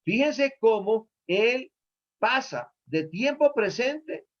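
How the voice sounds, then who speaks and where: A man with a high voice teaches a Bible study as pastor, stopping often to ask his students questions about grammar. The recording sounds dull and lo-fi. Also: animated, takes it slowly. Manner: didactic, quizzes listeners on verb tenses.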